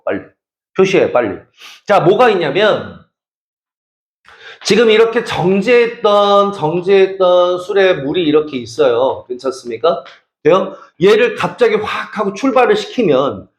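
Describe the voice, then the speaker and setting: Brief: middle-aged male academy teacher, high voice, playful teasing lecture, roomy classroom. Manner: teasing, checks for understanding constantly. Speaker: math and science academy teacher.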